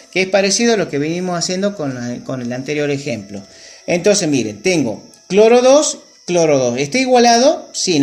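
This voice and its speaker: A man's voice: fairly high pitch, a little mellow. A man teaching a chemistry lesson, patiently explaining steps and checking in with his students. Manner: patient, checks with students, repeats key terms. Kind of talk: classroom lesson at a whiteboard.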